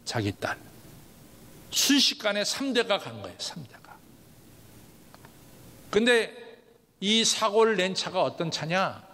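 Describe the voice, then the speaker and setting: Man, pastor, sermon, emotional storytelling, high voice, long hall reverb. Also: a bit bright. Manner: emotional storytelling in short dramatic phrases. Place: large church event hall.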